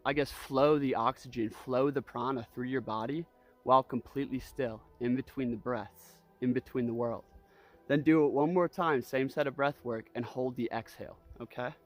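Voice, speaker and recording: Man, medium pitch, casual breathwork teacher, easygoing loose phrasing, repeated guiding cues, conversational instruction. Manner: easygoing, loose phrasing peppered with "you know", "like" and "right?". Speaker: breathwork and energy practice instructor. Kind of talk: casual spoken instructional demonstration.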